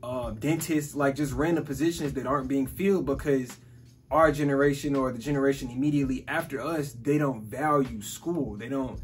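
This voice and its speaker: Man in his twenties, from Chicago, podcast host, casual business chat, relaxed slangy delivery, faint background music. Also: mid-range voice, brisk. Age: 20s. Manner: easygoing, says "bro" and "like" constantly.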